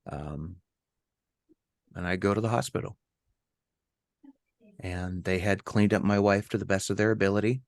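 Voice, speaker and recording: A middle-aged man, a podcast co-host, telling a personal story in a halting way with many ums and restarts. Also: low-pitched, steady tone, dry recording.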